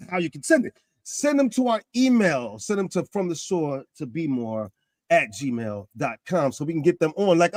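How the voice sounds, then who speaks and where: An animated man in his fifties hosts a casual talk show, his voice sitting a little high for a man. He jumps up in pitch whenever something excites him. The sound is close and dry, with no room in it. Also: dry recording. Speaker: podcast host.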